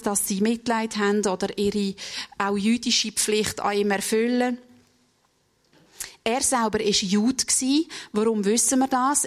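A woman with a Swiss German accent, reading scripture and retelling it in a loose, conversational sermon with frequent hesitations. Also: medium pitch. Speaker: preacher.

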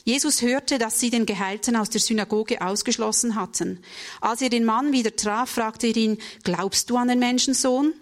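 A woman's voice: a little high, normal speed. Swiss German woman retelling a Bible story. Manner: loose, conversational retelling with hesitations. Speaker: preacher. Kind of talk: Bible reading and sermon.

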